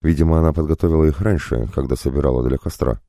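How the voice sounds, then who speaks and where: A man narrating a fantasy audiobook in the first person, calm and steady. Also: very deep voice, fast talker, no room sound.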